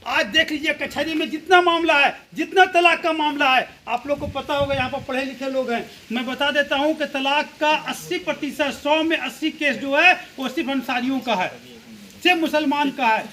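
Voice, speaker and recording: High-pitched man giving a rousing public speech. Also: normal speed, bright, forceful tone, slight background noise, rough recording. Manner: exhorting, with rhetorical questions and repeated lists. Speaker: speaker at a community blanket distribution event. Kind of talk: public speech to a village gathering.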